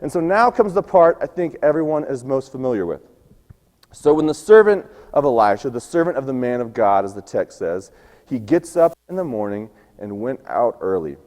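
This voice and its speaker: Guy giving a sermon, voice kinda going hoarse, echoey church hall. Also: mid-range voice, sing-song, moderate pace, a little mellow. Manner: storytelling, acts out quoted lines. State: losing his voice. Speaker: preacher. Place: church sanctuary.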